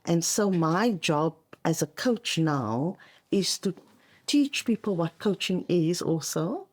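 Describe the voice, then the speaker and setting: This middle-aged South African coach, an Afrikaans speaker first, chats on a podcast interview, driving home emphatic points and checking in with the listener. Her lowish voice is animated yet slow, with a darkish tone.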